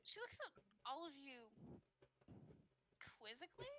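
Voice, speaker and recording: A woman game master narrating a tabletop game in an unhurried, giggly way with many ums. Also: high voice, sing-song, pushed and bright, slight background noise, poor audio.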